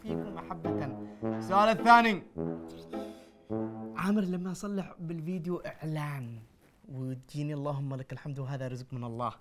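A man's voice: on the high side, natural voice. A man playing a blustering father, Uncle Naji. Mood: teasing. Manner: loud, exasperated, rapid cursing. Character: blustering middle-aged father, quick to curse. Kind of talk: comedy sketch acting. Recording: music playing behind the voice.

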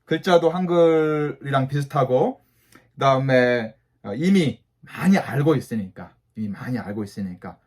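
A man's voice: mid-range voice, expressive, normal speed, a little mellow. A man giving a patient beginner English lesson to mothers, saying each letter and asking the listener to repeat it three times.

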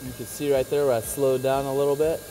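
A man who installs flooring, giving a casual on-the-job demonstration, relaxed and practical as he talks while working. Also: mid-range voice, fast talker, rough recording. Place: indoor work floor.

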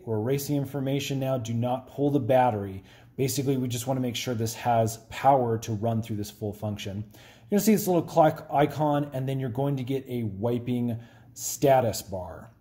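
A man with a mid-pitched, everyday voice talks a viewer through a phone setup. He is friendly and explains each step plainly. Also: warm tone. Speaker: tech tutorial host. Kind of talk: hands-on phone tutorial.

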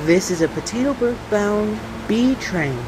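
A woman's voice: medium pitch, lively intonation, unhurried. A woman's prerecorded train announcements, her words spliced together from separate recordings into clipped, evenly spaced phrases. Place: inside a moving subway car. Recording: loud train noise over onboard speaker.

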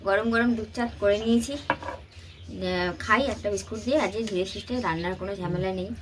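A woman's voice: medium pitch, fast talker, background noise. A woman with a West Bengal accent chatting casually to viewers as a home vlogger, often asking them questions. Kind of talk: casual chat to viewers while doing household chores. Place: at home, mostly in the kitchen.

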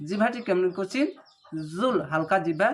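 A man teaching Quran reading, speaking with a Bangladeshi Bengali accent. He spells out the syllables slowly and then chants the whole words. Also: high voice. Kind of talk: step-by-step recitation lesson.

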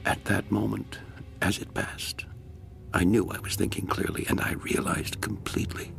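Ted, a creaky-voiced, paranoid survivor. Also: male voice, lowish voice, level tone, normal speed, a bit bright. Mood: bleak narration. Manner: intense, volatile, bitter. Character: Ted, paranoid, tormented male survivor who narrates. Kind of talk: radio drama acting.

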